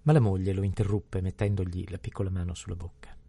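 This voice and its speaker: A man narrating a novel in a steady, even literary reading. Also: deep voice, quick pace, husky, no echo. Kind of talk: scripted audiobook narration.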